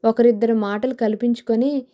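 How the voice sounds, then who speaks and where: A woman narrating a novel in a steady storytelling manner. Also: a little high, fairly quick. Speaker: audiobook narrator.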